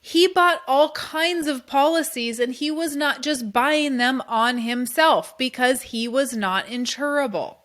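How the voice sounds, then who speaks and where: A middle-aged woman hosts her own podcast, talking casually and emphatically about insurance as an advisor, dropping client quotes into asides. Her voice sits high and fairly bright, and she speaks unhurriedly with hardly any pauses.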